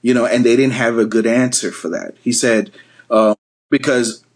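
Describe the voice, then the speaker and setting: A man's voice: medium pitch, flat delivery, normal speed. A middle-aged man from the Bronx, a podcast guest, telling a story from his youth in a rambling way, with many ums and restarts. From the Bronx, New York. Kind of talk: storytelling in casual conversation.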